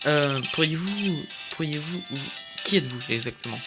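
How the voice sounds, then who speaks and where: A man's voice: a little high, lively intonation, normal speed, loud music behind the voice. A man voicing a hesitant young male defense lawyer who stammers.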